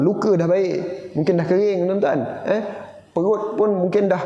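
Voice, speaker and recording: A man's voice: fairly high pitch, mellow. A man with a Johor Malay accent giving an evening lecture in a mosque. He tells stories, keeps calling out to the congregation and acts out the voices in them. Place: mosque hall. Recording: echoey hall, dull lo-fi sound.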